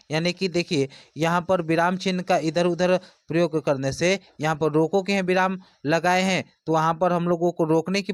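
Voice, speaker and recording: A man's voice: fairly high pitch, dry recording. A man teaching an exam-prep lesson, explaining step by step and repeating his points.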